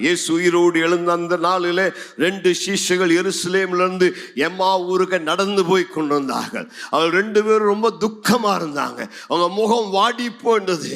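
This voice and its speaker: A male pastor with a Tamil Nadu accent, preaching a sermon in a church and acting out scripture dialogue, rising at times to shouts. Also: high voice. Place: large church hall.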